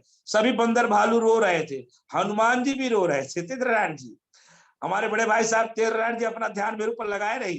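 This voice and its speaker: Animated man giving a motivational talk. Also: high voice. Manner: animated, storytelling, addresses listeners by name. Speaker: motivational speaker. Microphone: video call.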